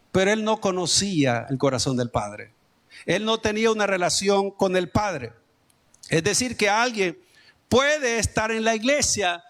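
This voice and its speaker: High-voiced Salvadoran preacher. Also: male voice, a bit bright. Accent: Salvadoran Spanish. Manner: emphatic, calls the congregation "amados", rhetorical questions. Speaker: pastor. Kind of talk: sermon. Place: church.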